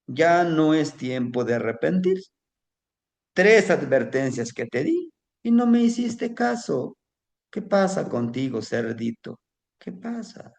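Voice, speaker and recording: A patient, sensible donkey from a spoken folk tale, as a man voices him. He warns and scolds in earnest, measured words. The delivery is slow and the voice is fairly high. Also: animated, creaky, heavily acted. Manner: earnest, admonishing. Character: wise patient male donkey, warning friend.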